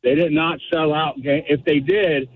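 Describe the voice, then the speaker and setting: A man calls in over a thin, phone-like speakerphone line while driving. His voice sits a little high, and he speaks in halting, casual bursts that often restart. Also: steady tone, no echo. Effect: phone on speaker in a car. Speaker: caller. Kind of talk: casual call-in chat. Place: driving in a car.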